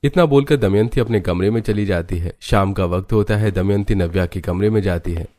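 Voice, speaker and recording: A man's voice: low voice, brisk, darkish tone. A man narrating a cartoon story in a plain, matter-of-fact way.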